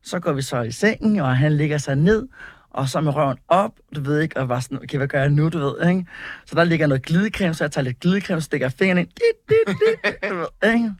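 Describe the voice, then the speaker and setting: Animated man telling a wild story. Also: fairly high pitch, dry recording, clean studio sound. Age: 30s. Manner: animated storyteller, acts out voices and noises, repeats "du ved, ikke?". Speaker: guest. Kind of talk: casual chat.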